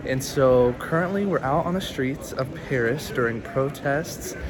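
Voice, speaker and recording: A young man vlogging casually on the street, sheepish and halting. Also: medium pitch, crowd noise. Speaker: travel vlogger. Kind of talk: casual vlog chat. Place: street outdoors. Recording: street noise behind.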